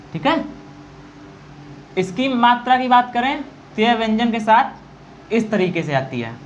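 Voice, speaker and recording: A man teaching an exam-prep grammar lecture, asking and answering his own questions, stretching out vowel sounds and dictating notes. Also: sits high. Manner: draws out vowel sounds to demonstrate. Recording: dull lo-fi recording with faint noise.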